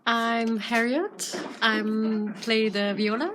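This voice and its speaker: A woman's voice: on the high side, steady tone, takes it slowly. A woman from Austria who plays viola, giving short, simple answers in non-native phrasing. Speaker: viola player. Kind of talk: interview answers. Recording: crowd chatter in the background. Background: crowd.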